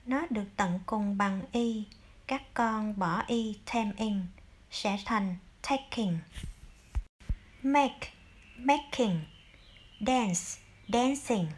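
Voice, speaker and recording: A woman with a Vietnamese accent teaching an English grammar lesson to children, patiently spelling out example words. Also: a little high. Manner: calls herself teacher, addresses pupils as children, drawn-out example words.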